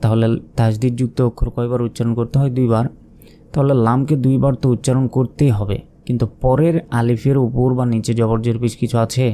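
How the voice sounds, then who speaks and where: A man teaching Quran reading step by step, patiently asking questions and answering them himself, and slowly drawing out the syllables he recites. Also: medium pitch, little pitch movement, mellow. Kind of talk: step-by-step spelling lesson.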